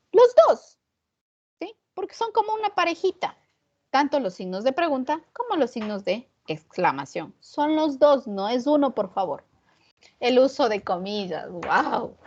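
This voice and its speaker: A woman teaching an online class on punctuation, often checking in with rhetorical questions to her students. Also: on the high side. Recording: muffled lo-fi online class audio.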